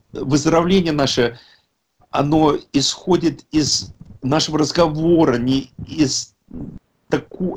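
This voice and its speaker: This is a slightly high, breathy male voice belonging to a man in his fifties who was raised in a Russian-speaking country. At an online recovery meeting he speaks in a relaxed but emphatic way. He tends to ramble and often revises his sentences partway through.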